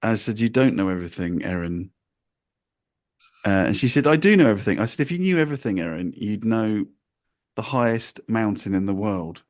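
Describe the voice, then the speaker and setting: A man co-hosts a relaxed podcast in a slightly low voice. He rambles, trips over his own sentences and chuckles along the way, and his voice sounds dry and close to the mic. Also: normal speed, no echo. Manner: rambling, self-interrupting, chuckling. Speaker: podcast co-host. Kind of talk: casual podcast banter.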